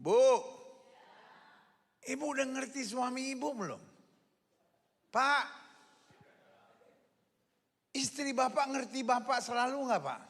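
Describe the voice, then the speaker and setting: Man, pastor, very high and ringing voice, shouting sermon, live in a large reverberant church. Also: animated, takes it slowly, long pauses. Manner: preaching with shouted repetitions and crowd call-and-response. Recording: long reverb of a large hall.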